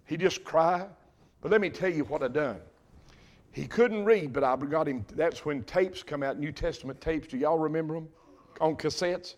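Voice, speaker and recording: Fervent older preacher, fairly high. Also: male voice, normal speed. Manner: fervent, emphatic preaching with swings from loud to hushed; folksy, repeats and restarts phrases. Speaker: pastor. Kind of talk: sermon.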